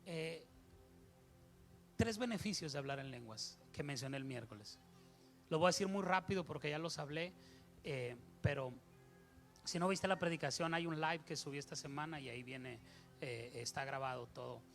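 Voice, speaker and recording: A man's voice: fairly high pitch, moderate pace, fairly bright tone, soft background music. A middle-aged man, a pastor preaching a sermon, playful and acting out little dialogues. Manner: playful, acts out little dialogues with shifting voices.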